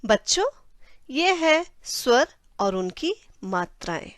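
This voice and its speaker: Very slow woman sounding out letters. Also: high-pitched, big pitch swings, fairly bright tone, dry recording, clean studio sound. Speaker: Hindi teacher. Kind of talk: classroom lesson for children.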